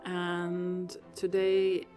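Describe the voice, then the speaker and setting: With music in the background, a young female composer from Lebanon speaks extremely slowly in a lowish voice during a podcast interview where she is the guest. Her manner is animated, with frequent laughter and shifts from one language to another. She sits in a Christmas-tree-filled room, recorded through a studio mic mounted on a boom arm.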